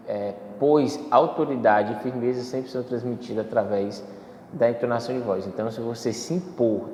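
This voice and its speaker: A man with a medium-pitched, slightly mellow voice gives a spoken lecture on public speaking, working step by step with frequent fillers and self-corrections. The echoey hall carries faint ambience and a little hiss or hum.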